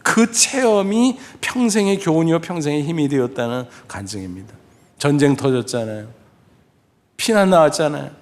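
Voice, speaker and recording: Animated Korean pastor preaching. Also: male voice. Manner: lively preaching, speaking directly to the congregation with questions; acts out quoted voices with sudden pitch jumps. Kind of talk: sermon.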